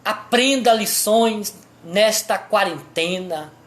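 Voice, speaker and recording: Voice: mid-range voice, slow pace, a bit bright. A pastor with a Brazilian accent preaching a sermon, asking the congregation rhetorical questions and pressing each point with emphasis.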